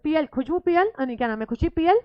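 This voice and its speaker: A woman teaching a classroom lecture in a high voice, teasing and scolding her students in good humour. She slips between Hindi and English as she talks. The sound is dry and a little dull. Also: lively intonation, fast, dry recording.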